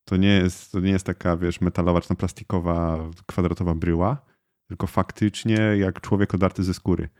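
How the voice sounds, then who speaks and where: A man's voice: low-pitched, little pitch movement, moderate pace, a little mellow. A man co-hosting a podcast, explaining things casually and asking his co-host questions. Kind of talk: casual chat.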